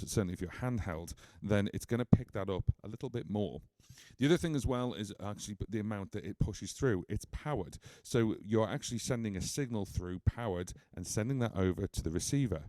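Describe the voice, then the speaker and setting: Low, dark-toned British man reviewing gear. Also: dry recording. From United Kingdom. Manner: chatty, explanatory, many fillers like "obviously". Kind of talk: casual gear review and demo. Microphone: studio microphone.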